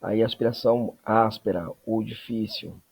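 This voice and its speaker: A man teaching a Greek lesson, explaining slowly and checking in with frequent tag questions. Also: fairly low pitch, fairly even intonation, a little mellow, breathy edge. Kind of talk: classroom lesson.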